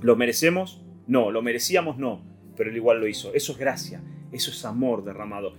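A man with a Rioplatense Spanish accent preaching an Easter sermon, swinging from loud declarations to hushed lines. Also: mid-range voice, fairly quick. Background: soft guitar music.

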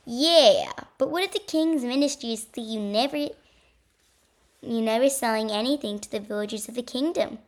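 A woman's voice: fairly high pitch, normal speed, lightly acted. A woman voicing a sheepish, dim-witted male henchman in an amateur radio play, hesitant and unsure.

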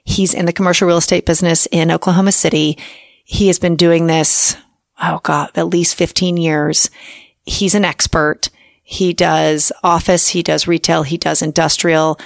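A woman's voice: low-pitched, level tone, normal speed, creaky, no room sound, studio quality. A woman podcast host giving an earnest, conversational sponsor message. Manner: earnest, recommending.

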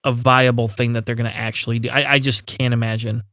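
A man's voice: medium pitch, level tone, fast talker, a bit bright, dry recording. A man co-hosting a casual tabletop game podcast, talking emphatically with frequent incredulous laughs. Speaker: podcast co-host.

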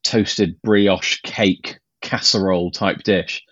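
A man with a low voice talks as a guest on a podcast, eager and chatty, often stopping to restart his sentences. The recording is dull and lo-fi, with a dry, close sound. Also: fairly even intonation, slow pace, a bit bright, breathy edge, no room sound. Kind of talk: casual chat.

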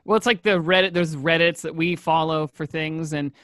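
A man co-hosting a podcast, chatting casually, halting and restarting his thoughts. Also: fairly high pitch, fairly even intonation, a bit bright, no room sound. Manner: halting, restarts often, quick asides. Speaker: podcast co-host.

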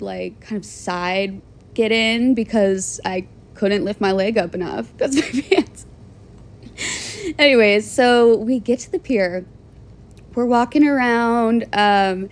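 Giggly chatty young woman with a high voice. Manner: giggly, chatty, swearing, laughs often mid-sentence. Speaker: podcast host. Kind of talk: casual storytelling.

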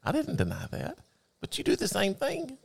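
Gravelly, lively man in his forties. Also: sits high, normal speed. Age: 40s. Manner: wry, joking, mock-defensive. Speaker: podcast co-host. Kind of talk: casual banter. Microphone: podcast microphone.

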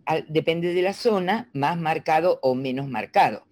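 A middle-aged woman from Argentina, a speech coach explaining diction in a teacherly, animated way and demonstrating sounds. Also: low voice, normal speed. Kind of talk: interview guest explaining.

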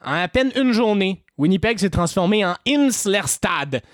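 A man with a Québécois French accent telling a history story on a podcast in an animated, joking way. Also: unhurried, dry recording, clean studio sound. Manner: animated, jokey, lively pitch swings. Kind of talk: casual storytelling chat.

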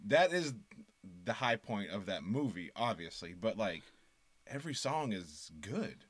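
A man co-hosting a podcast in casual chat, relaxed and joking, swearing easily and laughing often. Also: fairly low pitch, a little slow, no echo. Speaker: podcast co-host.

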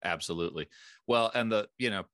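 Low-voiced American man hosting a podcast. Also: a little fast, a bit bright, dry recording, clean studio sound. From Philadelphia, United States. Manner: says occasional Spanish names with American pronunciation. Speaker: podcast host. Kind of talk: conversational podcast interviewing.

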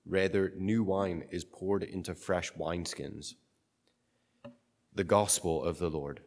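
A priest reads the gospel and gives a homily in a halting, searching way, his voice carrying a long churchlike echo. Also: low-pitched, steady tone, a little mellow. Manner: halting, searching delivery full of restarts. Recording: reverberant church hall.

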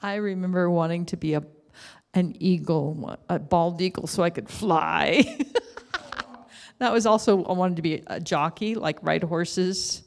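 A woman's voice: fairly low pitch, unhurried, vocal fry. A woman sharing childhood dreams with a group in a lighthearted way.

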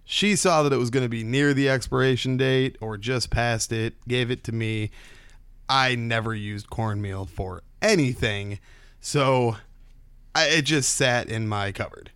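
A man's voice: mid-range voice, measured pace, a bit bright, clear, resonant tone, no echo. A male podcast host with a casual storyteller's delivery. He talks in a folksy, conversational way and likes to draw out the suspense. The sound is dry, with very little room on it.

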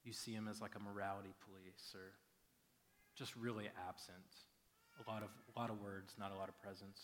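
A man in his thirties preaching a sermon, animated while telling a story and soft and hushed when he prays. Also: fairly low pitch, fairly quick. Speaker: pastor.

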